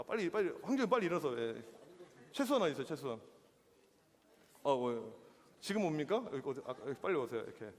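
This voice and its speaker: Lively fast-talking man preaching in a hall. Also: on the high side, slight background noise. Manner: animated, acts out dialogue, laughs often. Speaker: youth pastor. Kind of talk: youth sermon with comic stories. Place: church hall. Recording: long hall reverb.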